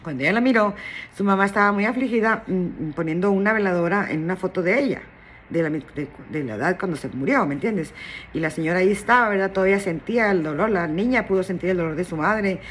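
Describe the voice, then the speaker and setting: A woman gently telling a spiritual story in casual talk, often adding "¿verdad?". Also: fairly low pitch, lively intonation, fast, a little hiss or hum. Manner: gentle and tender, with many "¿verdad?" tags and restarts.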